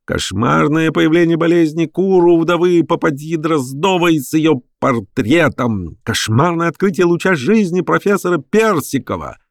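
A man voicing hoarse street newsboys crying out headlines in unnatural voices. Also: a little high, expressive, moderate pace, few pauses, no room sound, studio quality, pitched above the performer's own voice. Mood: hawking. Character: street newspaper boys hawking, hoarse.

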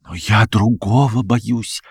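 A man plays an aging scholar undone by fear in a storybook reading, pleading in a gravelly, dry voice. He drops into fearful whispers and French phrases. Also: on the low side, fairly even intonation, takes it slowly, no room sound, exaggerated voice. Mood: despairing. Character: frightened aging male scholar, despairing and melodramatic.

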